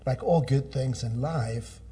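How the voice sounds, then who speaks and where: A man's voice: medium pitch, takes it slowly, warm tone. A middle-aged man, a business executive giving thoughtful, conversational interview answers. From Norway. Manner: thoughtful, with frequent restarts and fillers.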